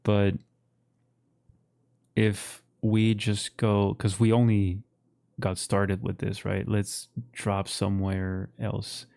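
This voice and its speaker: A man co-hosting a casual chat, relaxed and laughing often, saying bro and dude. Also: fairly low pitch, slow pace, gravelly. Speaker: podcast co-host. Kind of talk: casual chat while browsing a map.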